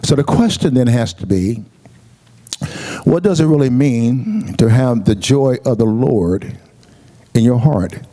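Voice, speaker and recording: Guy preaching a sermon, soft dark tone, lots of repeats and calls to the crowd. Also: mid-range voice, lively intonation, slow pace, long pauses. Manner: preaching with call-and-response asides; repeats words and restarts often. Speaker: pastor.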